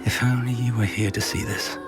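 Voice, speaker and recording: An actor playing an older scholarly professor in a video game, speaking in an earnest, formal and courteous way. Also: male voice, mid-range voice, fairly even intonation, fairly quick, over loud music, close to an everyday voice. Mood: awed. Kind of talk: scripted game dialogue.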